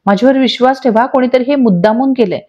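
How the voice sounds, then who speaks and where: A woman's voice: on the high side, fast talker, warm tone, highs cut off, lightly acted. A woman reading the lines of an accused young lawyer who insists on her innocence. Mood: insistent.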